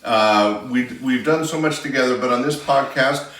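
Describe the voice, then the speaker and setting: A man's voice: medium pitch, moderate pace, fairly bright tone, echoey room, distant mic, slight background noise, poor audio. A man hosting a podcast who introduces comedians with upbeat, emcee-style patter. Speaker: podcast host. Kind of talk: casual podcast chat.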